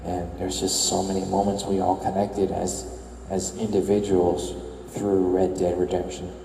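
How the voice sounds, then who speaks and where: Young man, soft-spoken reflective voice-over, dark mellow tone, slow hesitant musing, echoey long reverb. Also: level tone, vocal fry, slight background noise. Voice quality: soft, low-key murmur. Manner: hesitant, self-correcting musing. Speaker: video game tour vlogger.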